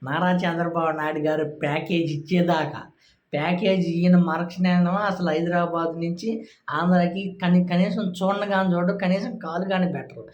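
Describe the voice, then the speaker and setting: A man's voice: sits high, little pitch movement, fairly quick, a little mellow, roomy sound, dull audio. Sarcastic male commentator mocking clips. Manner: sarcastic, scoffing, conversational. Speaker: political commentator.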